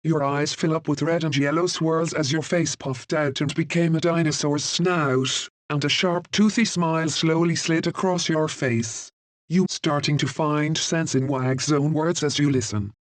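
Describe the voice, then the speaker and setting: A man reading a scripted second-person story in a steady, even way. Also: a little high, a little slow, no room sound. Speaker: narrator.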